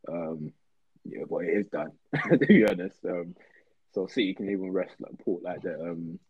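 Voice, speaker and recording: A man in casual football chat, relaxed and rambling with many ums. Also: sits low, moderate pace, slightly rough, dry recording, narrow, tinny audio. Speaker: podcast co-host.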